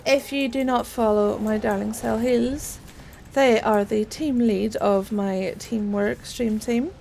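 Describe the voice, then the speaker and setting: A young woman streaming a game, chatting casually, swearing freely and squealing when excited. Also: fairly high pitch, slow, gravelly, a little hiss or hum. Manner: bubbly, swears freely, greets chat warmly. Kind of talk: casual gaming stream chat.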